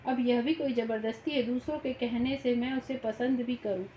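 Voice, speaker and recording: A woman's voice: on the high side, fairly even intonation, normal speed, warm tone, a little hiss or hum, lightly acted. A woman voicing an irritable young male student in an audiobook, speaking curtly and sulkily. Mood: resentful. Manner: sulky, curt, annoyed. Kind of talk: audiobook reading. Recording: roomy, slightly dull home recording.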